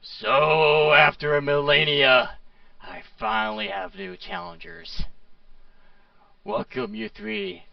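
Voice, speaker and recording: A man voicing a phantasmal orc skull arena master whose voice booms out, magically amplified, in a grand theatrical manner. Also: level tone, slow, vocal fry, no echo, full character voice. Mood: grand welcome. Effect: magically amplified booming voice. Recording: dull, slightly distant recording.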